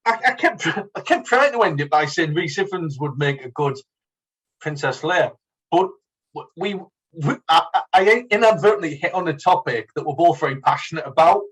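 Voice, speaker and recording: A man co-hosting a podcast, chatting in a relaxed, hesitant way and often restarting his sentences. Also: fairly high pitch, normal speed, breathy edge, low-quality recording. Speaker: podcast co-host. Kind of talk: casual chat.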